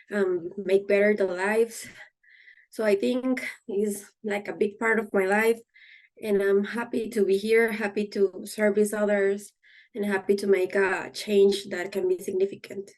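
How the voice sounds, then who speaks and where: A woman from Costa Rica introducing herself on a video call, pausing to search for words. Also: mid-range voice, a little mellow, low-quality recording. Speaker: panel participant. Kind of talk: casual introduction.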